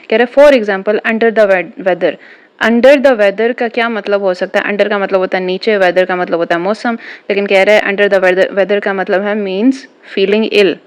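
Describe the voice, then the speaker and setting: A woman's voice: mid-range voice, smooth. Patient woman teacher explaining step by step. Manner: patient, repetitive, keeps saying "okay"; reads English sentences out slowly and deliberately. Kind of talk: exam-prep lesson explaining idioms.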